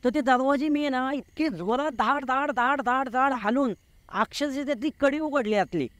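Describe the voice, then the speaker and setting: A man's voice: very high voice, moderate pace, a bit bright, no echo. A man in his forties, a guest telling a true story in an interview, vivid and repeating words for effect.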